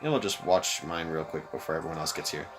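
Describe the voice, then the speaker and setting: A young man hosting a let's play, reading a visual novel aloud with expressive commentary. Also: extremely low pitch, fairly quick, soft background music.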